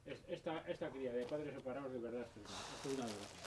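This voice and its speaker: Un hombre mayor con acento de España, cliente charlando de forma entrecortada, repitiendo palabras y subiendo la voz al alterarse. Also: male voice, medium pitch. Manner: halting, repeats words, grows loud when worked up. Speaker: customer. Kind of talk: casual chat. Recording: distant, echoey, loud background noise.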